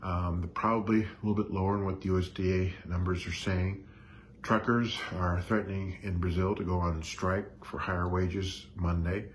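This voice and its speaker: Male market commentator, deep voice, hesitant stop-and-start delivery, some background noise. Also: flat delivery. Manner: halting, hesitant delivery with frequent pauses.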